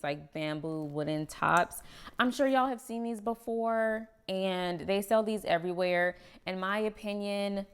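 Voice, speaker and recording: A young woman reviews home products in a relaxed, chatty way, calling her viewers "girl" and "y'all". She sounds slightly out of breath, and her voice is low and smooth with some vocal fry at the ends of phrases. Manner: chatty, says "y'all" and "girl", laughs often. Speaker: home vlogger. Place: home kitchen indoors.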